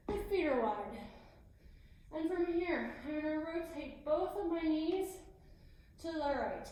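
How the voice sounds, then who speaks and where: A woman's voice: very high voice, a little mellow. A woman fitness coach leading a home workout, counting reps and giving step-by-step cues, a little out of breath. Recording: very echoey room.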